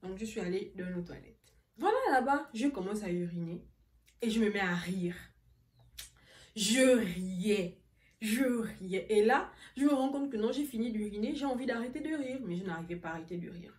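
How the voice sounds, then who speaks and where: Une jeune femme qui raconte une anecdote sur un ton familier et animé, en riant souvent. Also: female voice, mid-range voice, moderate pace. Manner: animated, laughing often while telling. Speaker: vlogger. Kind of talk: casual storytime. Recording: roomy echo, voice a bit far from mic.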